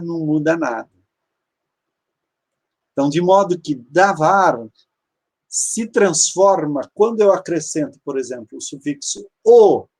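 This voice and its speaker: A man teaching grammar in a live online class, with a fairly high voice for a man. He talks patiently and methodically, repeating each term and pointing things out on screen as he goes. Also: a little mellow. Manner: patient, explanatory, repeats terms, walks through slides. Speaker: Hebrew teacher.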